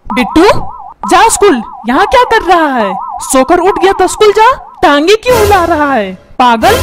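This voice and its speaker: एक महिला कार्टून में चिड़चिड़े, चिल्लाने वाले अधेड़ पिता की आवाज़ दे रही है, जो डांटता है और ताने मारता है।. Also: female voice, extremely high pitch, big pitch swings, moderate pace, very noisy. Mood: scolding. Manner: shouts and scolds, calls names. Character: grumpy shouting cartoon father, middle-aged man. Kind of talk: comedy cartoon dubbing.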